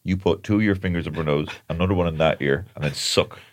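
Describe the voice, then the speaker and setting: A man's voice: sits low, quick pace, no room sound. A man co-hosting a podcast, chiming in with dry, teasing remarks. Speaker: podcast co-host. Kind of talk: casual banter.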